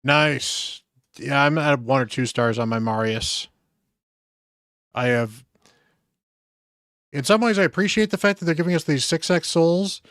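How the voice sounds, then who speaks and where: A man's voice: on the high side, a bit bright, no room sound, clean studio sound. A tired man streaming a game, muttering casual asides and chatting with his viewers. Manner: rambling, muttering asides to chat. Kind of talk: casual live-stream chat while gaming.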